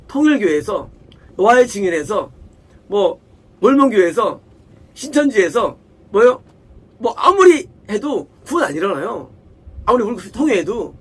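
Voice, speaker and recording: High-voiced male pastor preaching. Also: fairly bright tone, slightly rough. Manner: keeps asking rhetorical questions like "what is it?"; plain conversational preaching with repeated words. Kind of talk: expository Bible sermon.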